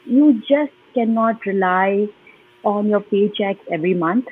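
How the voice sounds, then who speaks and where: A woman's voice: mid-range voice, unhurried, a little hiss or hum. A woman from Pakistan, a guest in a live online interview, speaking earnestly with frequent fillers over a video call. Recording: tinny phone-like call line.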